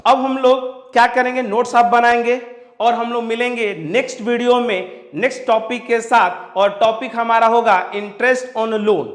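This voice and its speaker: A man's voice: extremely high pitch, fairly even intonation, normal speed. A man from India teaching a commerce class, asking his students questions and repeating each point, with English terms mixed into his speech. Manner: mixes English terms into Hindi. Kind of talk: classroom lecture. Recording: roomy echo.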